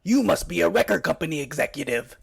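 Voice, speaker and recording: Scruffy Bat, a man doing a gravelly cartoon bat comic. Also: on the high side, animated, over music. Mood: cheeky. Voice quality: gravelly, husky. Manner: punchy joke delivery, quick switches between characters' voices. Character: scruffy male cartoon bat comedian, jokey. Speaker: late-night comedy host. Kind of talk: cartoon stand-up joke telling.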